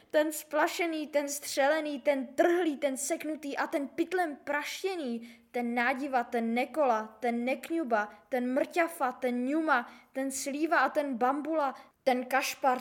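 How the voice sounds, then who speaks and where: A woman's voice: high voice, lightly acted. A woman voicing a kind, chatty middle-aged male postman in a storybook reading, polite and eager, rattling off teasing insults. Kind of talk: storybook character voice.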